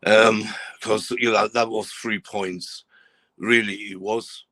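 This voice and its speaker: A man's voice: fairly low pitch, flat delivery, slow, dry recording. Agitated man hosting a fan show. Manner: agitated, exasperated and loud. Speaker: podcast host. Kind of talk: casual fan chat.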